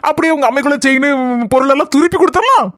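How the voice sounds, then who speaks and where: A woman voicing a boastful, penniless husband in a comic cartoon, with a Kanyakumari Tamil accent and a teasing, smooth-talking manner. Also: high voice, racing, background noise, natural voice. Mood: scheming. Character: boastful broke husband back from abroad.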